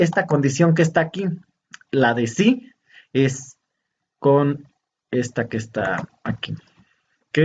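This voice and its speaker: A man teaching a programming lesson over a screen recording, talking slowly and hesitantly as he points out each step. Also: mid-range voice, husky, muffled recording. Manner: slow, hesitant, pointing out steps.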